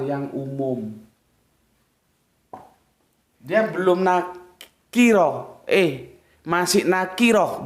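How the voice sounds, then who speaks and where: A man giving an informal religious lecture, casual and direct, often checking that his listeners follow. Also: fairly high pitch. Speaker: religious teacher. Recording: echoey room.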